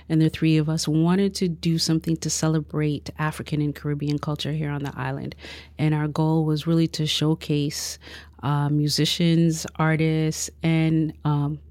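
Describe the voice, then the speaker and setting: Low-voiced woman, modest and good-humored. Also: dark tone, dry recording. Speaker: community organizer. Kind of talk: interview answers.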